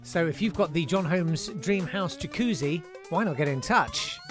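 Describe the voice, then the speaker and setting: Over music, a man with a fairly high, animated voice hosts a live show at normal speed. He's casual and wry, reading out listener messages and hesitating often with "uh."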